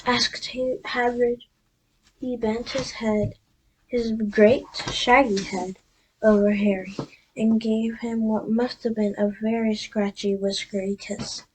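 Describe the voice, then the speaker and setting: A woman reads a storybook aloud in a soft, half-whispered voice. She goes slowly and keeps a fairly flat, even line. She often stops to fix small slips. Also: a little high, slight background noise, rough recording. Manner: soft, half-whispered, with frequent self-corrections. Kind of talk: reading a book aloud.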